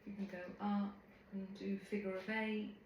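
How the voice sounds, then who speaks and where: A woman instructor giving serene, gentle, unhurried cues in a live tai chi and qi gong class. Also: medium pitch, flat delivery. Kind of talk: live movement class instruction, calm cueing. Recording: very echoey room, faint background noise.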